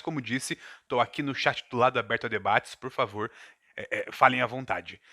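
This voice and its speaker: A Brazilian man, a game master, talks to a live chat from a home room in front of a camera, thoughtful and digressive, with asides and self-corrections. His voice is medium-pitched, bright and forceful, with a Brazilian Portuguese accent. Picked up on the camera mic, the recording is dry and of studio quality.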